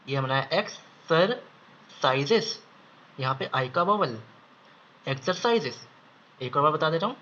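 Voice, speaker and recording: A young man teaching shorthand step by step, slowly repeating each word several times as he draws it. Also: on the high side, bright, forceful tone. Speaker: shorthand instructor. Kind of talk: step-by-step lesson. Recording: slightly dull audio with faint background hiss.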